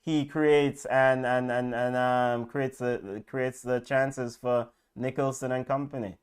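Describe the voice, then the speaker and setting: A man co-hosting a football watch-along, calling lineups and play in a lively casual way with many fillers. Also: mid-range voice, slow pace, smooth.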